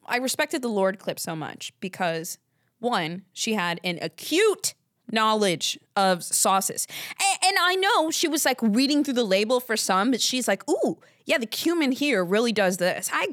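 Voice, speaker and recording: A woman's voice: medium pitch, a bit bright, no room sound, studio quality. A woman hosting a podcast alone, talking in a rambling, candid, casual way and swearing now and then. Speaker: podcast host. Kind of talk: casual solo chat.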